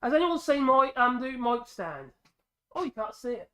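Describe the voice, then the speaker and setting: This middle-aged woodworking host, congested with a head cold, has a very high-pitched, sing-song voice that's bright and forceful at normal speed. His workshop vlog chat is casual and rambling, peppered with self-deprecating jokes, and it's recorded at home through a ceiling-clamped microphone.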